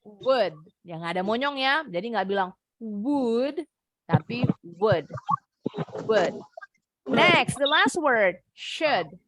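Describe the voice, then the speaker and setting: A woman's voice: fairly high pitch, animated, a bit bright, no room sound. Woman, young, from Indonesia, online English teacher, dry close mic, drills words patiently. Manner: drills words, repeats them slowly, coaxing. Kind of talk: online class for children. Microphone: computer mic on a video call.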